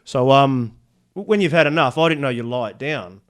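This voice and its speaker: Man, Australian accent, middle-aged, podcast guest, rambling yarns, frequent laughs, mid pitch. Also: moderate pace. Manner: rambling yarn-spinner, laughs often, trails into restarts. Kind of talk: casual storytelling chat.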